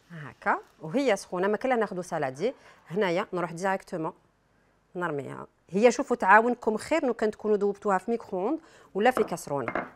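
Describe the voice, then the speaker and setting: Brief: Algerian woman, cooking show presenter, mid-pitched, fast, talks straight to her viewers. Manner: chatty, talks straight to viewers with frequent asides. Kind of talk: cooking demonstration.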